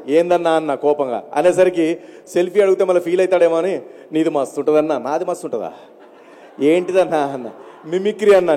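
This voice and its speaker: A male comedian and mimicry artist tells stories at speed, building each one to a punchline. His voice is mellow and slightly high. It echoes through a reverberant stage sound system at an award ceremony. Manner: chatty storyteller, punchline delivery.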